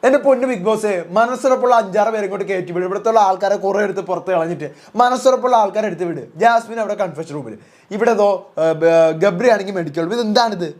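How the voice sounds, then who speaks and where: A woman voicing an exasperated male housemate who complains loudly. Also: mid-range voice, fast talker, natural voice.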